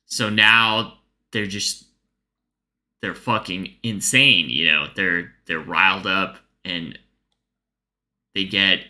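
A man telling a comedic story in a casual, rambling way, full of fillers and swearing, delivered deadpan. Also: deep voice.

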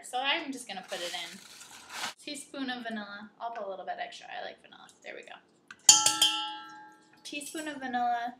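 Female home-baking host, tipsy and giggly, loose rambling chat, fairly high pitch, roomy sound with clear background noise. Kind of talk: casual chat while cooking. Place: indoors in a home kitchen.

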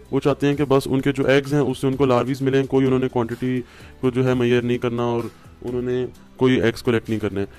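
Man, from Pakistan, hands-on tutorial host; clear rounded tone, steady mid pitch, faint music bed. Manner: patient step-by-step explaining. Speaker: farming instructor. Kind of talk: home how-to tutorial. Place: indoors at a work table.

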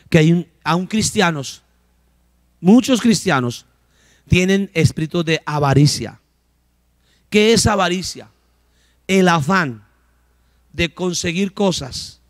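In a dry, close recording with no echo, a pastor with a fairly high voice for a man preaches his sermon. He works in call-and-response, asking questions and supplying the answers, and plays out little exchanges between characters.

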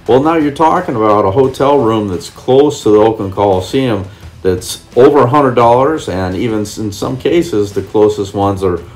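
Here a middle-aged man from California, with an American accent, explains things in a plain, repetitive vlog style, his voice fairly low and a little mellow at a moderate pace. He records himself with a phone at arm's length around his camper van and in parking lots. Vehicle and outdoor ambience make the handheld recording noisy.

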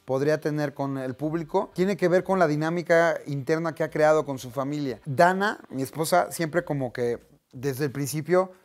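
A man in his thirties with a Mexican accent, casually telling anecdotes to camera in a slangy, lively way. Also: on the high side. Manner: chatty, slangy, acts out quoted voices. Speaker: vlogger.

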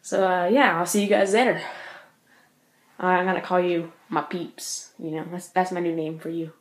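A male vlogger giving a casual update from home, talking fast, stuttering and filling gaps with uh and like. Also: high voice, steady tone, echoey room. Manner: speaks fast, stutters, lots of uh and like. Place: room at home.

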